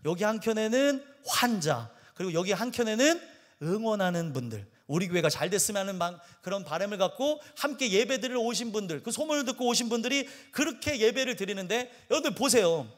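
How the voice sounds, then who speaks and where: Male pastor with a high voice, preaching a funny story, with a long hall echo. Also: animated, a little fast. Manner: humorous storytelling, acting out quoted voices. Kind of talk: sermon. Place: church sanctuary.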